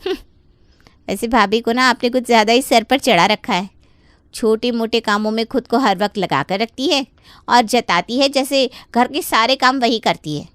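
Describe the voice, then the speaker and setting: A woman's voice: fairly high pitch, normal speed, fairly bright tone, smooth, no room sound, close to an everyday voice. A woman voicing a scheming young married woman in a cartoon story, taunting and falsely innocent. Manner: sly, taunting, fake-innocent whining. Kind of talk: Hindi cartoon voice acting.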